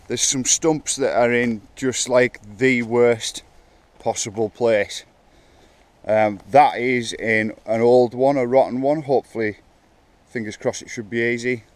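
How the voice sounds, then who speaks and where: A man vlogging as he works on a bike park trail in the woods, chatting casually with lots of hesitations and filming himself on a handheld camera. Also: medium pitch. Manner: chatty, hesitant, self-talk while working. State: out of breath. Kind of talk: casual vlog narration. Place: outdoors in woods.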